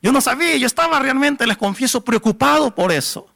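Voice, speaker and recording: A man preaching, telling a testimony in a dramatic storyteller's way that swells to near-shouts. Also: very high voice, lively intonation, brisk, vocal fry. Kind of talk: sermon testimony.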